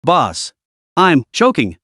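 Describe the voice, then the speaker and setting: A man's voice: on the high side, huge pitch swings, takes it slowly, a bit bright, slightly rough, no echo, studio quality, heavily acted. A man voicing a lazy, gluttonous divine beast pet who whines at his master in a storybook recap. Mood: sulky.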